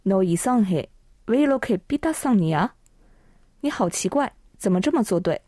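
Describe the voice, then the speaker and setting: A woman co-hosts a language lesson, translating and explaining each line calmly. She speaks very slowly and evenly, in a dry, close recording with no room sound. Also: medium pitch, no echo. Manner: calm, measured, explanatory. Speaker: co-host and Chinese translator.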